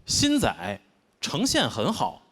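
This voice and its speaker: Performing stand-up for a live audience, a man with a Beijing accent pokes fun at himself with wry humor. His slightly high, somewhat bright, husky voice moves through huge pitch swings as he takes things slowly, over constant background noise.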